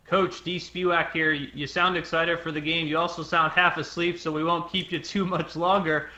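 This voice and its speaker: A man's voice: on the high side, flat delivery, moderate pace, bright, forceful tone, echoey room, muffled recording. A man working as a sports analyst, answering questions in a knowledgeable, breezy way. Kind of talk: studio sports talk.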